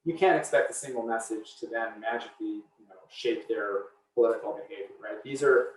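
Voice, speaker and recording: A man's voice: fairly low pitch, fairly quick, a little hiss or hum. A man giving a seminar talk and answering audience questions in a casual academic way, thinking aloud with many fillers and restarts. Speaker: seminar speaker. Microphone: video call. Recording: roomy, distant from the mic.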